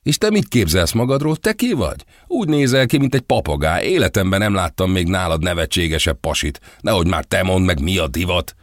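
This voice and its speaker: A man's voice: on the low side, animated, no room sound, clean studio sound, pitched above the performer's own voice. A man voicing a flippant, mouthy young blonde female model in an audiobook, defiant and dismissive.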